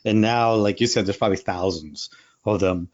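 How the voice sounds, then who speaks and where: A Spanish speaker from Puerto Rico who works as a wildlife photographer and workshop leader rambles through a casual interview, full of fillers and restarts. His voice is on the low side at normal speed, captured with lo-fi sound.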